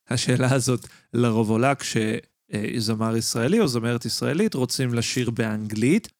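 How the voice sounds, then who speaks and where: A man's voice: medium pitch, no echo, clean studio sound. A man with an Israeli accent giving an informal explanatory lesson as a singing teacher and podcast host, often checking in with his listeners.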